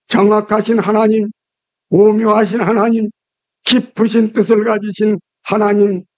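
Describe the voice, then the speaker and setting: Older man preaching, dull old cassette. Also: dry recording. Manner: emphatic preaching with sharp rises and drops in pitch and loudness; slow, drawn-out delivery with repeated key words. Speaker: pastor. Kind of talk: Korean sermon. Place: church pulpit. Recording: dull, lo-fi 1999 cassette tape transfer, dry.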